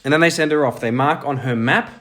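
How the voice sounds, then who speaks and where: A man hosts a solo role-playing audio show, blending narrated story with casual game commentary as he thinks aloud while playing and drops self-deprecating asides. His mid-range voice is a bit bright, and he talks fast.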